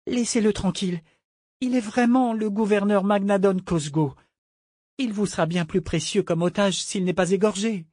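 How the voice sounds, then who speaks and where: A woman's voice: mid-range voice, moderate pace, warm tone, no echo, studio quality, voice pushed up, natural voice. A man voicing a defiant young merchant's daughter who talks with scorn and command. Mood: pleading.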